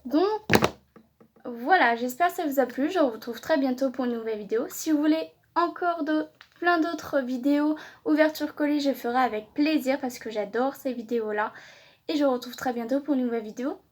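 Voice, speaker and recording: A woman chatting excitedly on a casual unboxing vlog, often exclaiming and repeating herself. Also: high-pitched, brisk. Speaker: vlogger.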